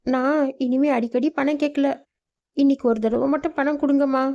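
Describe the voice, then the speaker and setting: A woman's voice: high voice, steady tone, normal speed, darkish tone, highs cut off. A woman voicing a poor, weary mother who works as a housemaid, speaking earnestly and reassuringly.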